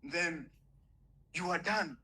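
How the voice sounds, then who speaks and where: A young man with a Kenyan accent takes it slowly, yet his fairly high, bright, forceful voice, slightly rough, burns with indignation. Calling into an online audio room, he gives an impassioned speech laced with swearing.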